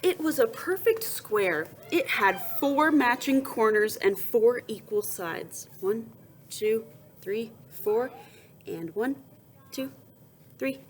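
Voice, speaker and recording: A fairly high-pitched woman, heard over slight background noise, reads a picture book to young children as a teacher might. She keeps it expressive, adding asides and stopping for questions she answers gently.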